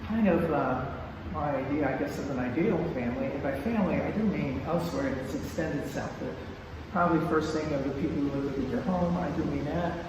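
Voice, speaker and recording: An older man gives a poetry reading, wandering through folksy asides before slowing for the poems. His voice sits a touch high and comes from some distance, wrapped in a long church-hall echo with audible room noise. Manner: rambling, folksy, many fillers. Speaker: poet giving a reading. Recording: echoey hall, distant mic.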